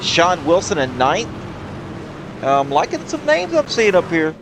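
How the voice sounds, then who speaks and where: Excitable race caller over engine noise. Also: male voice, sits high. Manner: excitable play-by-play, quick reactions. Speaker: lead race commentator. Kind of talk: sim racing play-by-play commentary.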